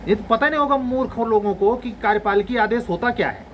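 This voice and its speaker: A man's voice: very high voice, brisk, a bit bright, slight background noise, poor audio. A man in his forties, an exam coaching teacher, giving students a blunt, exasperated scolding lecture.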